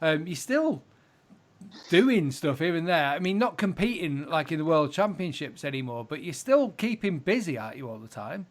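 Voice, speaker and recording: A man with a Yorkshire accent co-hosting a podcast, chatting in jokey, quick banter. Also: a little high, sing-song. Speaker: podcast co-host. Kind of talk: casual chat.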